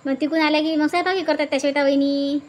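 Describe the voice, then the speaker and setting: A woman's voice: high-pitched, fairly even intonation, rapid-fire, natural voice. Woman playing a bossy, nagging village woman. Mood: coaxing. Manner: insistent, scolding, repeats urgings. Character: bossy village woman, young adult, nagging her sister-in-law. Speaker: village woman in a family skit. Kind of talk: comedy sketch acting.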